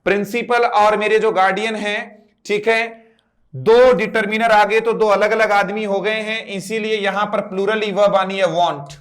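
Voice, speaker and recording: A man's voice: sits high, level tone, a little slow, fairly bright tone. A man with an Indian accent teaching an English grammar lesson, explaining step by step, asking his students questions and spelling words out letter by letter.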